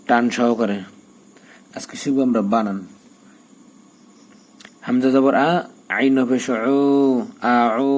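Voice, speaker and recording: Guy teaching quran letter by letter, steady mid voice, drills the vowel marks then chants the verse slow. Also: mid-range voice. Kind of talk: spelling lesson in Quran recitation.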